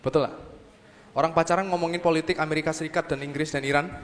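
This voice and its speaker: A man with a fairly high voice speaks to a young crowd, drawing them in with constant questions and acting out quick little exchanges between people. His voice rings out with a long hall reverb. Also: fairly even intonation, a bit bright. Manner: keeps asking the audience for agreement; acts out short dialogues in other voices. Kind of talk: lively talk to a youth audience.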